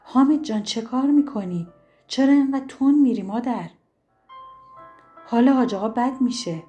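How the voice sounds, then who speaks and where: A woman's voice: on the high side, fairly even intonation, warm tone, highs cut off, faint music behind, lightly acted. A woman voicing a worried middle-aged mother in an audiobook who pleads and scolds her son. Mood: alarmed.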